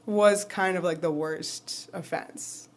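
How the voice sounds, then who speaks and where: A woman co-hosting a casual fan podcast, talking in an animated way with quick asides and frequent laughs. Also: on the low side. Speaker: podcast co-host.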